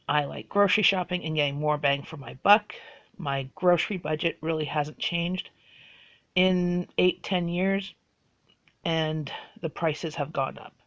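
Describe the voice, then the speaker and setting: A woman's voice: low-pitched, dull audio. A woman, chatting casually through a list of facts about herself and rambling with fillers. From Bahamas. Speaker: vlogger.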